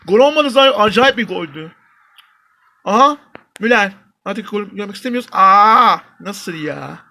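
High, bright young man commentating football gameplay. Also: animated, unhurried, a little hiss or hum. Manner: shouts and stretches player names when attacks build, mutters when things go wrong. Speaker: gaming YouTuber. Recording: faint game music behind.

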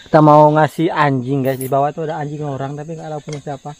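This chatty Indonesian vlogger, a man in his thirties, talks to viewers he calls guys from his riverside forest camp. He speaks quickly in a flat, somewhat high voice.

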